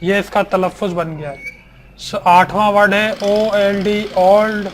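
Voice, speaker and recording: High-pitched man teaching slow, kinda monotone, spelling words out one letter at a time, repeating everything. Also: slight background noise. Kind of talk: slow English vocabulary lesson.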